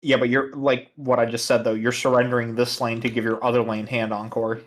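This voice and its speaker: A man guest-hosting a casual card game review, relaxed and joking with friends over a call. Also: mid-range voice, brisk. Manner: relaxed, joking, laughs often. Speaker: guest host.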